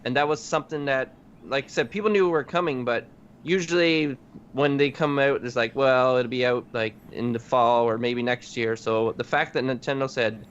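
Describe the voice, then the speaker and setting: A man's voice: medium pitch, normal speed. A man co-hosting a casual podcast chat, easygoing and rambling, correcting himself as he goes. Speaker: podcast co-host. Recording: dull lo-fi audio with faint hiss.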